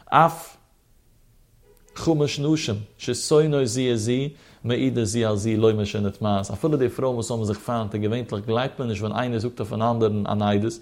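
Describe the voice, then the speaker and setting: A man's voice: medium pitch, steady tone, moderate pace, darkish tone. A man teaching a Talmud lesson in the traditional study-hall way, his voice rising and dropping in a sing-song chant as he asks and answers his own questions.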